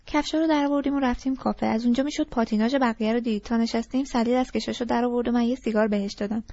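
A woman's voice: fairly high pitch, fairly even intonation, warm tone, dry recording. A woman reading a novel aloud in first person with a conversational storytelling manner. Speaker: audiobook reader. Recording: dull lo-fi recording.

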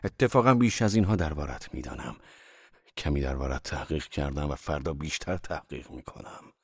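A man's voice: rumbling low, slightly rough, no room sound, studio quality, pitched below the performer's own voice, full character voice. Man doing a harsh, contemptuous husband. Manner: harsh, cutting delivery.

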